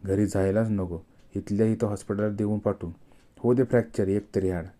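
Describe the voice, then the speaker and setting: Guy doing a mean cop boss, gruff, barking orders, dark low voice. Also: steady tone, brisk, lightly acted. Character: harsh bullying male police officer.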